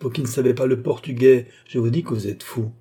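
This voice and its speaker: A man's voice: medium pitch, fairly quick, warm tone, breathy edge, lightly acted. A man reading as a nervous fake ambassador. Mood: agitated. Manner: dignified but anxious. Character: proud, nervous male impostor posing as an ambassador.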